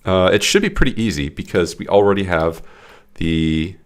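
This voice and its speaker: Streaming his game development work late at night, this young man rambles at a moderate pace into a home desk mic. His very low voice sounds clearly congested and stuffy, and his casual, self-deprecating commentary keeps restarting.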